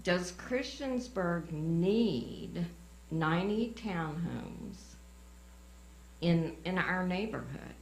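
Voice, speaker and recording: A woman with a Southern US accent and a slow drawl, speaking as a resident at a public meeting. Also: lowish voice, lively intonation. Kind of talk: public comment at a civic meeting. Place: indoor public meeting room. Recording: echoey meeting room with faint mains hum.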